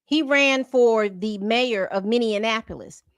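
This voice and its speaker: A woman's voice: fairly high pitch, takes it slowly, clean tone, dry recording. A woman hosting a commentary channel, reading from a report and breaking off into exasperated asides. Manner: reads documents aloud then comments with exasperated asides.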